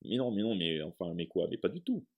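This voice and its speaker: A man's voice: low voice, big pitch swings, fairly quick. A man reading aloud, voicing a blustering, panicky middle-aged uncle barking orders.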